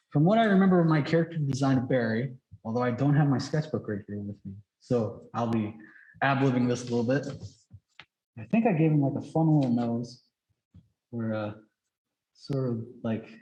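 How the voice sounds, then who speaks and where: His words come through a face mask and a muffled, echoey, roomy recording as this drawing teacher casually thinks out loud. He speaks at a normal speed in a mellow, mid-range voice, pausing often, and his rambling chat is peppered with "like."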